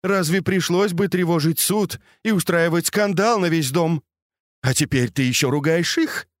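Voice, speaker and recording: A man playing a sharp-tongued noble lady. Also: a little high, big pitch swings, normal speed, no echo, clean studio sound, voice pushed up. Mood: furious scolding. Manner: scolding, biting, mocking questions. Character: proud, sharp-tongued noblewoman of a grand household. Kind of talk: audiobook reading.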